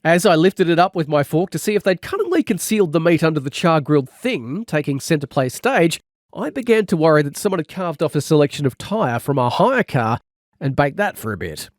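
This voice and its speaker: In a sing-song, slightly high voice, a man narrates a comic audiobook in the first person, a little on the fast side. He plays a wry, exaggerating storyteller, and the comedic scripted narration is recorded dry at studio quality.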